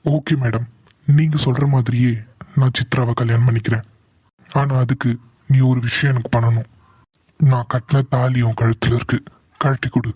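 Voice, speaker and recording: A man's voice: medium pitch, steady tone, moderate pace, pauses often, a little mellow, a little hiss or hum, natural voice. A man voicing a hot-tempered young husband in a cartoon, speaking in a scolding, commanding way. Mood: cold. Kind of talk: cartoon voice acting.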